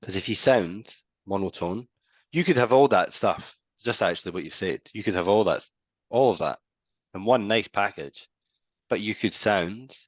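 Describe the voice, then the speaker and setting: A man with a very low, deep voice tells stories in a loose, animated podcast chat. He slips into other people's voices to act out phone calls. The sound is close and dry, with no room around him. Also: normal speed, dry recording. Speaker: podcast co-host. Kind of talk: casual podcast conversation.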